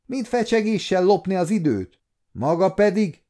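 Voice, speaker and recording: A man voicing a loud, scolding woman cook who turns flustered. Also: on the high side, big pitch swings, pitched above the performer's own voice. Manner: loud and sharp, then flustered.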